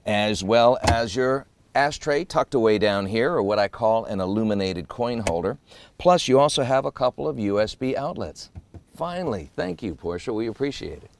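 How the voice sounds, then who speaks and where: A man walking around a car and talking it up. His voice sits at an ordinary middle pitch, and he has a bright, joking, salesman-like way of pitching the features. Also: moderate pace. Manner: jokey, upbeat salesman-like delivery. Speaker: car reviewer. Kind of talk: car review walkaround.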